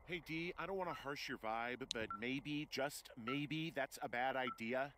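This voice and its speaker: A man's voice: mid-range voice, a little slow, heavy background noise, lightly acted. An actor playing an uneasy, down-to-earth male fire lookout in a video game, with a dry, hesitant, natural delivery. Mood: dry, cautious.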